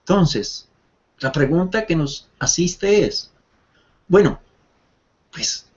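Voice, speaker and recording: A man's voice: a little high, expressive, takes it slowly, darkish tone, lo-fi sound. A man teaching an online Torah class, reading Hebrew verses aloud, then translating and explaining them with lots of repetition.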